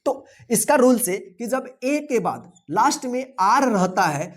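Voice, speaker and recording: A man's voice: very high voice, lively intonation, measured pace. Man teaching phonics, repeating checks. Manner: asks rhetorical questions, repeats "theek hai na" often; spells words out letter by letter. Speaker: English teacher. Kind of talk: online phonics lesson.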